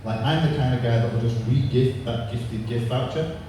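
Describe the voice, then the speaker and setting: This Mancunian comedian, a man in his thirties from England, fires off crude jokes with punchy timing during a stand-up set. He has a medium-pitched voice and talks at a normal speed. The sound is distant and noisy, bouncing around a reverberant pub stage.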